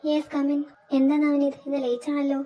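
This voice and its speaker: A woman's voice: high voice, level tone, moderate pace, dark tone, soft background music, voice pushed up, close to an everyday voice. A woman voicing a stern female office boss in a fan audio drama, curt and strict, recorded distant and dull.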